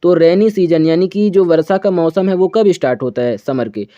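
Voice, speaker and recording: A man's voice: high-pitched, warm tone, no room sound. Dry, muffled male grammar teacher. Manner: asks questions, then answers them; reads example sentences slowly. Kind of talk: exam grammar lesson. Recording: dull, dry, lo-fi sound.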